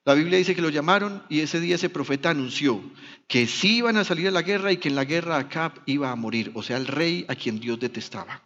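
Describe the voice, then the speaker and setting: A Colombian man preaches a sermon, acting out the voices in biblical stories. His voice sits a little high. The sound is muffled and carries a long church reverb. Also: a little fast, fairly bright tone. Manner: dramatic storytelling, acting out biblical dialogue. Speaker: pastor.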